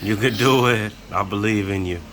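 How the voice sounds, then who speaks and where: A woman's voice: very deep voice, normal speed. A woman chatting casually and playfully as she hosts a kids' challenge, teasing and encouraging, on a noisy home video. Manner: teasing, encouraging banter with children. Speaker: adult filming and hosting a kids' drink challenge.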